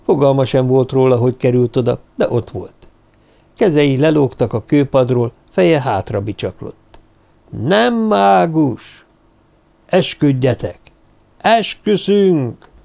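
A male narrator reads a dark novel aloud in a steady, measured storytelling voice. His tone is dark and mellow, with an even, middling pitch. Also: creaky. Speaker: audiobook narrator. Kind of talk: scripted narration.

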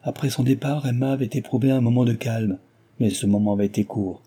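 A man voicing a sorrowful actress who speaks softly about a friend's death. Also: mid-range voice, steady tone, a little fast, lightly acted. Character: sorrowful actress, close friend of the dead mother.

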